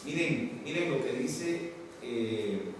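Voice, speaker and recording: Animated preacher in an echoey hall. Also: male voice, mid-range voice, slow pace, slight background noise. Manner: animated, asks the congregation questions. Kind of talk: sermon. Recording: very echoey room from far off.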